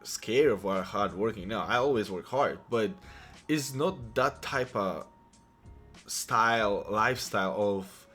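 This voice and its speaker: A Polish vlogger in his thirties with a Polish accent tells his life story to camera, chatty and rambling, restarting often. His lowish voice is slow, sharp-toned and slightly rough, with soft background music underneath.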